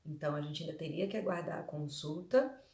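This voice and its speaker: A woman from Brazil telling a story to her viewers in a relaxed vlog, her voice sitting low for a woman. She talks chattily and keeps rephrasing herself. The room around her is echoey. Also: a little fast. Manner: chatty, many fillers and rephrasings. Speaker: vlogger.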